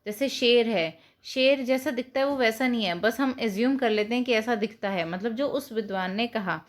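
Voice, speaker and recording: A woman's voice: a little high, moderate pace. A woman, teaching children by retelling a story and explaining it in simple words.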